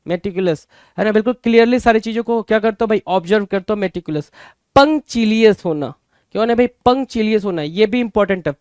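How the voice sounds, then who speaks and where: An Indian English-accented man leads an exam-prep vocabulary lesson full of repetition and rhetorical questions, calling the class "bhai." The high-pitched voice sounds clear and resonant, with studio-quality audio and no echo.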